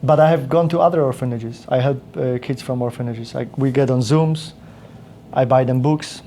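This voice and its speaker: Guy, 30s, mellow low-key tone, rambly w lots of restarts, little bit of room hum. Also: normal speed. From Poland. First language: Polish. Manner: rambling with frequent restarts and fillers. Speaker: podcast guest. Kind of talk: casual interview storytelling.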